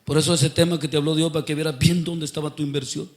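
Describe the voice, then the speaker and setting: A man's voice: a little high, little pitch movement, fast talker. A man preaching a sermon, quizzing his congregation and building to fervent outbursts.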